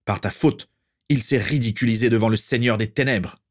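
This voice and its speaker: A man's voice: mid-range voice, normal speed, voice pushed up, natural voice. A man reading aloud and voicing a harsh, contemptuous old patriarch who leans on a cane. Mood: furious. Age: older.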